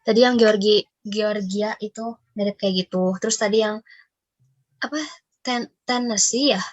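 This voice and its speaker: A woman's voice: mid-range voice, fairly even intonation, unhurried. A woman with an Indonesian accent hosting a casual podcast, talking in a chatty, rambling way with lots of fillers. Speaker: podcast host. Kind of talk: casual reaction chat.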